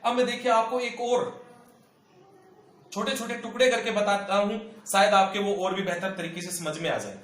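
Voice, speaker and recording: High-voiced man teaching in an echoey room. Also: normal speed, fairly bright tone, far from the mic. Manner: patient and repetitive, drawing out example words. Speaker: English teacher. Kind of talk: whiteboard lesson explaining step by step. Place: classroom with a whiteboard.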